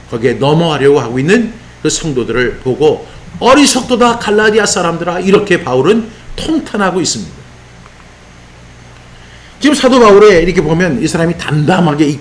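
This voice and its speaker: A man preaching an expository sermon as a pastor, animated and sometimes shouting out rebukes. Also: sits high, a little hiss or hum. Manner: animated, voices apostle's rebukes in raised exclamations.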